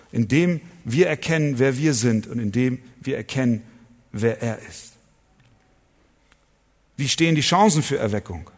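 Male preacher, husky mid-range voice, emphatic sermon delivery with loud and soft swings, church hall reverb. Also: mid-range voice. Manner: emphatic, asks rhetorical questions and swings between loud and soft.

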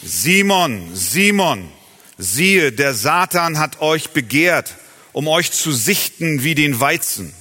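Bright-voiced male sermon interpreter. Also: on the high side, big pitch swings, takes it slowly. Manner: earnest, relays each phrase right after the preacher. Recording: long hall reverb with faint music.

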